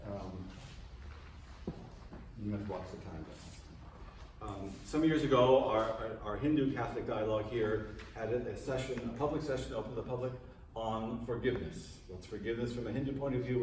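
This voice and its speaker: A man's voice: lowish voice, darkish tone. Male priest, informal class lecture, asks the room questions, distant mic, big echo, faint hiss. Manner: conversational, quizzes the audience. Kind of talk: informal lecture to a parish group. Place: large room with a live audience.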